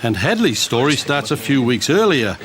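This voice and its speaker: A man's voice: medium pitch, very animated, moderate pace, fairly bright tone. A man with a New Zealand accent delivering scripted television documentary narration. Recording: crowd and street noise behind.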